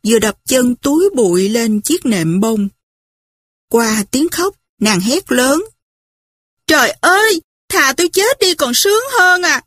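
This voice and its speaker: Breathy woman narrating an audiobook. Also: a little high, darkish tone, no room sound, studio quality. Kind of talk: scripted narration.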